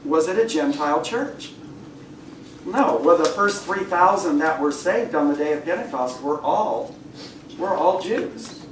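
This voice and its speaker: A hoarse man teaching an adult Bible class, speaking conversationally, asking the class questions and often clearing his throat. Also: fairly high pitch, lively intonation, measured pace. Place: church classroom. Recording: echoey room, far mic, faint hiss.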